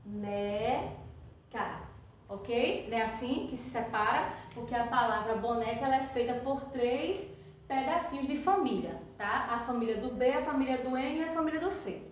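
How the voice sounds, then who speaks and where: High-voiced teacher in an echoey room. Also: female voice, a little hiss or hum. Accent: Brazilian Portuguese. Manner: patient, repeats "tá?" after nearly every phrase; slow, drawn-out stressing of example words. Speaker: primary school teacher. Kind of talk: remote lesson for young children. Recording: echoey room, distant from the mic, slightly muffled.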